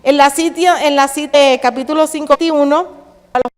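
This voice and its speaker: A woman's voice: high-pitched, fairly even intonation, brisk. A woman pastor with a Caribbean Spanish accent preaching a sermon, asking her congregation questions and slipping into sarcastic quoted voices. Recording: long hall reverb.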